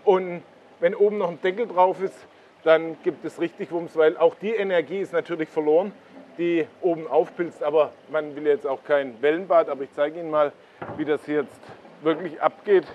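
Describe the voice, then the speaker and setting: A man explains things in a relaxed way outdoors beside a pond, his voice sitting a little high. He keeps pointing things out to the viewer as he goes. A faint outdoor hum runs behind him. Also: normal speed, phone-quality sound. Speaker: koi blog host. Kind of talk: casual on-site explanation.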